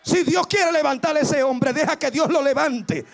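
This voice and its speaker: Very high-pitched, gravelly male preacher. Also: normal speed. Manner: shouts and exhorts in bursts, repeating phrases. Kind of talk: fervent Pentecostal sermon.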